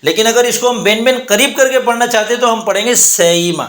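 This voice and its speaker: A man teaching Arabic grammar in a methodical lesson, saying example words slowly and repeating them. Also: very high voice, steady tone, fairly bright tone. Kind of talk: explanatory lesson. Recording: echoey room.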